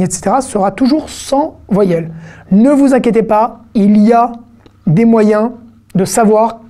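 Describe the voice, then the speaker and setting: A woman giving an online Hebrew reading lesson, patient and encouraging, spelling out syllables slowly for beginners. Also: mid-range voice, dark tone. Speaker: Hebrew teacher.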